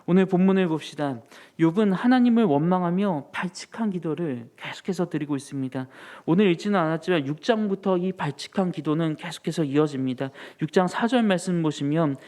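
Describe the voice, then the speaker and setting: A man preaching a sermon as a pastor, earnest and building to emphatic rises in pitch, in a church sanctuary. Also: fairly quick, few pauses, darkish tone.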